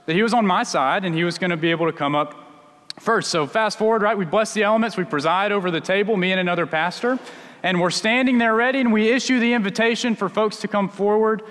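A man's voice: high voice, quick pace, fairly bright tone, big-room sound. A male pastor preaching a sermon, telling a story in a conversational way with frequent restarts.

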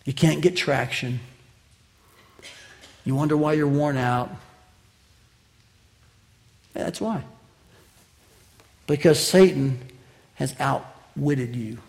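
A pastor preaching a conversational sermon to his congregation, swinging between loud, raised lines and quiet, slow asides, and joking with the listeners. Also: creaky. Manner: conversational preaching with wide swings of pitch and loudness; jokes with the congregation.

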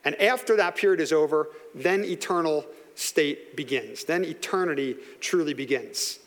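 A man preaching a sermon in an earnest, conversational way, slowing down on emphatic lines. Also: fairly high pitch, in a large hall. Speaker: pastor.

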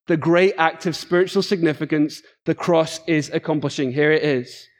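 Emphatic male preacher, fairly high voice. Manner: emphatic, repeats key phrases. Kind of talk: sermon.

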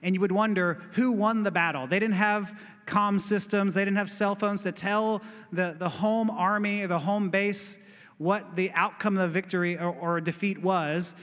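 Male pastor, high sharp voice, lively conversational sermon, echoing church sanctuary. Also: normal speed. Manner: animated, conversational preaching that builds to exclamations. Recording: long reverb of a church hall.

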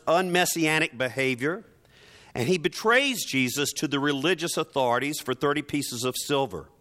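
A man preaches a dramatic sermon with emphatic, theatrical, rhetorical delivery, repeating things deliberately for effect and adding sardonic asides. His voice is a little high, bright and forceful.

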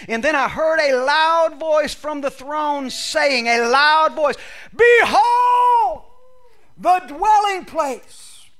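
His voice extremely high, pushed and bright, a man delivers a sermon at a church service. He reads scripture to the congregation with forceful, repeated phrasing, though his voice is failing.

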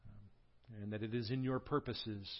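A pastor in his forties from Southern California, who prays quietly and then preaches in a lively storytelling way with touches of humor. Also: lowish voice, measured pace, lo-fi sound. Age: 40s. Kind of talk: sermon.

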